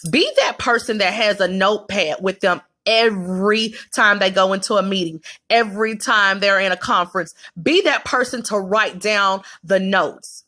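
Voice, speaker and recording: A woman's voice: medium pitch, normal speed, few pauses, sharp tone. A woman with a Southern US accent, giving candid, emphatic career advice straight to camera in a casual vlog.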